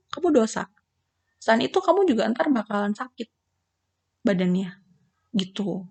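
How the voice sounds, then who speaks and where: A young woman giving a casual English lesson, chatty and lively, asking rhetorical questions and acting out her students' replies. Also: medium pitch. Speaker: English teacher.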